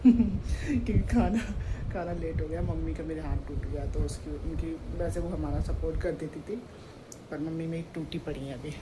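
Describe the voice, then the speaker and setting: A woman's voice: lowish voice, noisy background. A young woman filming a casual home vlog, chatting and rambling straight to the camera on a clip-on mic indoors. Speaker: vlogger.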